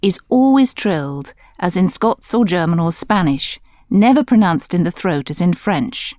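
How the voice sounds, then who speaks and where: A woman giving scripted instructional narration for a language course, explaining in a clear, measured manner. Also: on the low side, animated, darkish tone, no room sound, clean studio sound.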